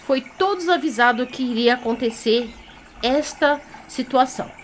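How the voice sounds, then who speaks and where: Telling a children's story with improvised theatrical flair, a Brazilian woman keeps things conversational and animated, often checking in with those listening. She speaks at a normal pace in a high-pitched voice, accompanied by a slight hiss or hum.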